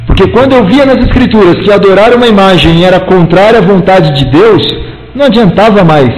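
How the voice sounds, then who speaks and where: A middle-aged man from the São leads a church Bible lesson, and his voice sits high for a man. He talks like a chatty storyteller, acting out little conversations. A long hall reverb trails after his words. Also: animated, a little fast, a little hiss or hum. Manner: chatty storyteller, acts out dialogue with big pitch swings. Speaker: Bible teacher. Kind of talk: church class lesson with personal anecdotes.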